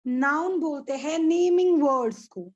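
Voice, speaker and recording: Woman teacher, Indian accent, high voice, slow and patient, video call. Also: muffled recording. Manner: patient, repeats and asks checking questions. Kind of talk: online class lesson.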